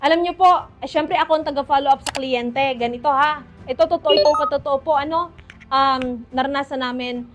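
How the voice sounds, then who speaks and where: A woman's voice: high voice, fairly quick. A middle-aged woman giving a testimony sermon in a mix of Filipino and English, acting out phone calls, asking the listeners to agree, and breaking into sung worship lines. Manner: animated storyteller, acts out phone calls, asks crowd "Tama?"; sings worship lines mid-talk.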